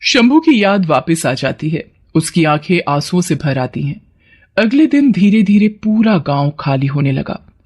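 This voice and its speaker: A woman narrating a village cartoon story in a calm, measured way. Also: sits low, slightly rough.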